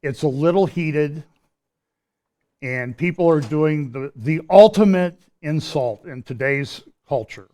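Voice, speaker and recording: A man presenting a church prophecy update in a conversational commentary style, pausing and restarting as he walks through a map and his views. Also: a little high, mellow. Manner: explains while pointing at a map on screen.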